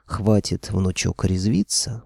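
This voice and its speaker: A man voicing a gruff, commanding elderly grandfather in a fairy-tale audiobook. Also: low-pitched, slow pace, a little mellow, dry recording, clean studio sound, exaggerated voice. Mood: stern. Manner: brusque, commanding.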